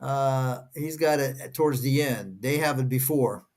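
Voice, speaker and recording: A man whose native language is Portuguese co-hosts a casual discussion, reading scripture verses aloud and frequently pausing to question each phrase. His voice is mid-range and darkish in tone, at a measured pace.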